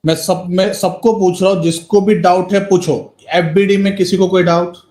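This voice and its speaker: High-voiced teacher, echoey room. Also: male voice, flat delivery, normal speed, darkish tone. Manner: mixes Hindi and English, quizzes students by name. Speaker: accountancy teacher. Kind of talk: live online class lecture. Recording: roomy echo.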